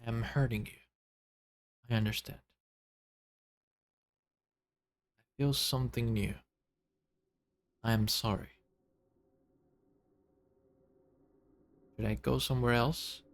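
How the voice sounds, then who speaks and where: A man voicing a vast, childlike alien visitor from a video game, solemn and gently wondering, in short halting phrases. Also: mid-range voice, steady tone, natural voice. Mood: solemn, dawning remorse. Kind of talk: video game dialogue read aloud.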